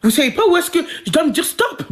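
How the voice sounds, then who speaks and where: A woman's voice: very high-pitched, big pitch swings, fast. A woman livestreamer in a heated, repetitive, confrontational rant, full of slang, talking straight at her viewers. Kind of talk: angry live-stream rant.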